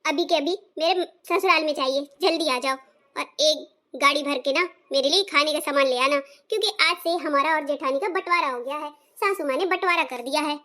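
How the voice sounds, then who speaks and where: A woman's voice: high-pitched, brisk, pushed and bright. A woman playing a spoiled, bossy young daughter-in-law in a comedy skit, scornful and threatening.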